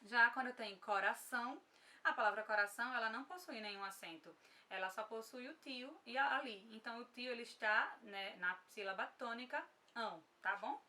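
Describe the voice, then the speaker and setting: A woman's voice: a little high, normal speed, pushed and bright, distant mic. A woman with a Brazilian Portuguese accent teaching an online grammar lesson, patient, often checking in with her students.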